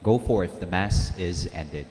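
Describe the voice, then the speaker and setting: A man's voice: low voice, slow pace, a little mellow, a little hiss or hum. A man serving as priest, leading Mass prayers in a solemn, chanted way, with a cathedral echo around his voice. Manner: solemn, chanted liturgical delivery. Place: large church. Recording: roomy church with long reverb and faint ambience.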